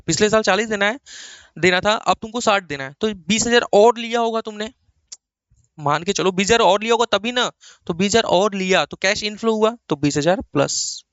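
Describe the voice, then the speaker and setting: A man's voice: high voice, a bit bright, dry recording, dull audio. A man from India teaching accounting in a classroom-style lecture, coaxing and repeating points for his students.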